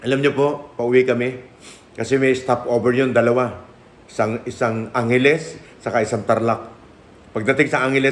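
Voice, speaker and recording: A middle-aged man preaching his own testimony in a sermon. He mixes Filipino with English and slips into the voices of the people in his story. His pitch sits in the middle range for a man.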